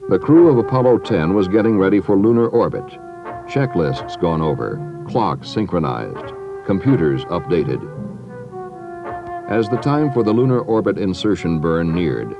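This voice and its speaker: A low-voiced man narrates a documentary with measured, dramatic pauses. His delivery swings expressively in pitch, over background music. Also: very animated, highs cut off.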